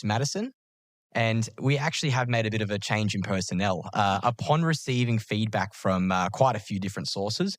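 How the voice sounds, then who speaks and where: A man hosting a podcast, joking in a dry, deadpan way. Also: on the low side, no echo. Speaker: podcast host. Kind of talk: casual podcast chat.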